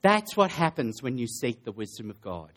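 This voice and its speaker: A man preaching a sermon to a congregation, dropping into sarcastic asides and building to slow, emphatic lists. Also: medium pitch, sing-song. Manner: sarcastic asides, drops to quiet then builds. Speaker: pastor. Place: church sanctuary.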